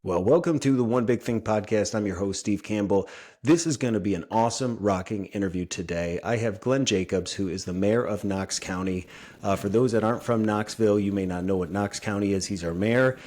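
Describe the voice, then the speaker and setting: Low-voiced enthusiastic male podcast host. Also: fairly quick, darkish tone. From upstate New York. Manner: enthusiastic, chatty with fillers. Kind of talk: casual podcast interview.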